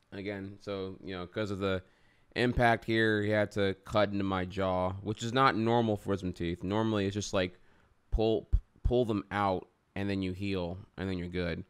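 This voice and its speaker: A man with a sore, stiff jaw after wisdom tooth surgery, chatting casually and frankly in a rambling, halting way with some swearing. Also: lowish voice, a bit bright, clear, resonant tone. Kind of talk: casual unscripted chat to an audience.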